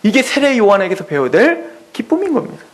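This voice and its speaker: High-voiced man preaching a lively sermon. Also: fast. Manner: lively storytelling with quoted voices. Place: church sanctuary.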